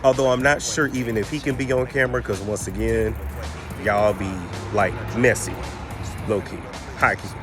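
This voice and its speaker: A man in his thirties talks straight to his viewers in a loose, rambling, slang-heavy vlog voice, swearing freely. His pitch sits right in the middle. Music plays clearly behind him. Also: flat delivery, normal speed. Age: 30s. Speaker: vlogger. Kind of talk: casual vlog chat.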